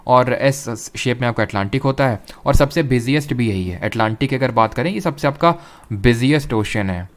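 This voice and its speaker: A man's voice: mid-range voice, lively intonation, moderate pace. A young adult man teaching an exam-prep geography lecture, explaining step by step, mixing in English terms and often checking whether students follow.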